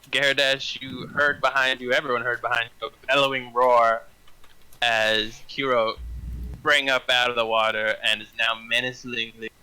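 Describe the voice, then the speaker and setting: A man's voice: medium pitch, bright, forceful tone, smooth, rough recording. A man running a tabletop fantasy game as game master, narrating scenes and calling out rolls.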